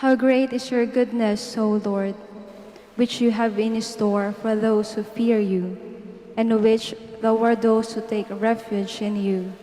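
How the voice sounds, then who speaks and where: A woman reading scripture and psalms at Mass in a measured, declamatory way, in a reverberant church. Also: a little high, level tone, mellow. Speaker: lector at Mass. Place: large church, over sound system. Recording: long echoing church reverb.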